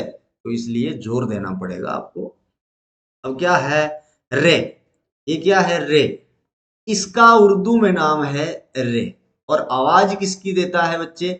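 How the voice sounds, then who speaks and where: A man's voice: fairly high pitch, fairly bright tone. Patient teacher man, echoey classroom. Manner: patient, repeats and quizzes students. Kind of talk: classroom lesson.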